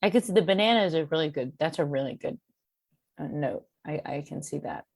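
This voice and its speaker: A woman chatting casually as a podcast guest, self-deprecating and full of halting restarts. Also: sits low, animated, vocal fry, darkish tone, no echo, clean studio sound. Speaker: guest, cartoonist and beer educator.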